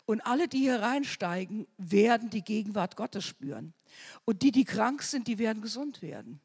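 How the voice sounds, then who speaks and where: A woman preaching a charismatic sermon, telling testimonies with emphatic, storytelling delivery that rises to loud exhortation. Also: mid-range voice, lively intonation, moderate pace, creaky, slightly rough. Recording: long reverb of a hall.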